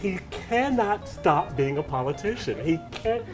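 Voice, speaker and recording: Teasing male interviewer, lively pitch swings, loud music behind. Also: a little slow. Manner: joking, teasing, laughs often. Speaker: interviewer host. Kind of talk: casual chat.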